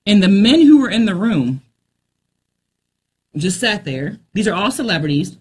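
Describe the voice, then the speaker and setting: A woman's voice: medium pitch, very animated, normal speed, a little mellow, slightly rough. A woman hosting a podcast, recounting a story animatedly with lots of filler phrases. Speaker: podcast host. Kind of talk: casual podcast chat.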